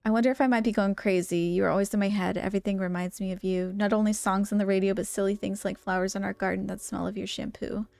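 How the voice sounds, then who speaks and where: A woman's voice: medium pitch, steady tone, quick pace, gravelly, hardly any pauses, darkish tone, dry recording. A woman streaming a game, reading in-game letters aloud and reacting with gasps and laughs. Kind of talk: let's play commentary, reading notes and letters aloud.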